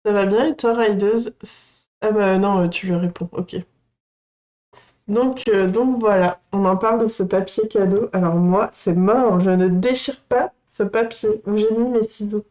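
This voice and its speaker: A woman hosting a coloring channel, gushing and excitable as she unboxes on a casual livestream and chats to her viewers. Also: medium pitch, measured pace, lo-fi sound.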